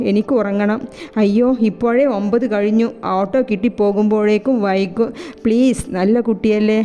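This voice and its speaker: Mellow woman reading a storybook aloud. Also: medium pitch. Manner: reads every character's dialogue in her own voice. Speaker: narrator. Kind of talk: storybook narration. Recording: soft music behind.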